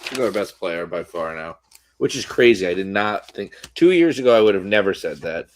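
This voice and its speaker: A man co-hosting a sports podcast, rambling in casual chat with lots of restarts and fillers, slightly hoarse from coughing. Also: sits low, animated, a little fast, slight background noise. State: coughing today. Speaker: podcast co-host.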